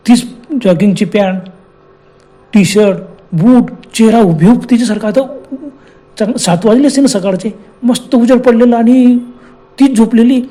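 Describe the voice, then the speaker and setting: A man narrating a horror story in a slow, emphatic, repetitive way. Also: high voice, mellow.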